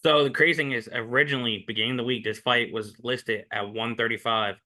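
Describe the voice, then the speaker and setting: A man's voice: medium pitch, fairly even intonation, fast, pushed and bright. A man co-hosting a sports betting podcast, talking in a rambling, opinionated casual way. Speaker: podcast co-host.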